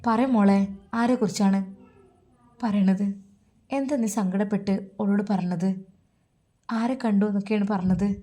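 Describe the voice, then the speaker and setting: A woman's voice: mid-range voice, fairly even intonation, moderate pace, long pauses, dark tone, close to an everyday voice. A woman voicing an earnest, protective middle-aged mother, pleading and warning in a storybook. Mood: anxious pleading.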